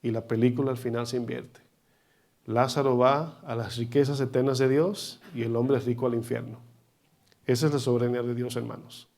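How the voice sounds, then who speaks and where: A man preaching a sermon to his congregation, emphatic and direct, often asking the listeners questions, his loudness rising and falling sharply between phrases. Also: mid-range voice, steady tone, normal speed. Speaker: pastor. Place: church service.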